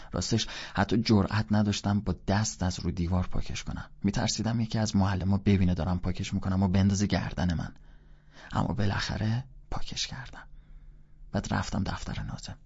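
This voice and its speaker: A man with a low, gravelly voice reads a first-person audiobook. His tone is husky and rough-edged, and his telling is casual and colloquial. The recording sounds dull and lo-fi. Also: darkish tone. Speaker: audiobook narrator.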